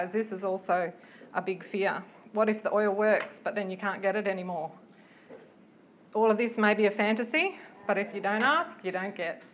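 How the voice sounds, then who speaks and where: Middle-aged woman, earnest campaigner reading a prepared speech, careful delivery, muffled sound with faint background noise. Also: mid-range voice. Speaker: parent campaigner giving a public speech. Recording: dull, noisy live speech recording.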